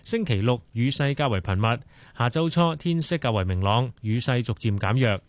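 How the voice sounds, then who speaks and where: Male newsreader, measured scripted read, dead-dry booth sound. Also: mid-range voice, no echo. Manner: steady, measured delivery. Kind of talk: scripted news and weather read. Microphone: close studio mic.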